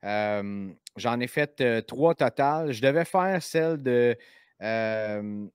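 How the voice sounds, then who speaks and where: Lively Québécois man hosting a podcast. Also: medium pitch, smooth, dry recording, studio quality. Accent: Québécois French. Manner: lively, fast-talking, many fillers and restarts. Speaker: podcast host. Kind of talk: casual chat.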